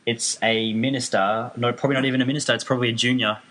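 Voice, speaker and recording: A man's voice: mid-range voice, flat delivery, very fast, fairly bright tone. A young man with an Australian accent in a casual chat, laid-back and blunt. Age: young adult. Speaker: podcast co-host.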